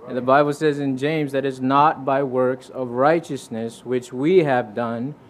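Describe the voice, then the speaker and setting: In an unhurried, medium-pitched voice with fairly even intonation, a young man from Fiji preaches as a guest at a church. He tells his testimony in an earnest, conversational sermon, repeating starts and reciting scripture.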